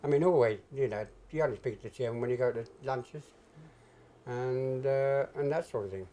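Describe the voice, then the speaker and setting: Older British male interviewee, soft mellow tone, hesitant conversational recollection with emphatic repeats. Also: mid-range voice, normal speed, slight background noise. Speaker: interviewee, retired stock jobber. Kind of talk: reminiscing in an oral history interview.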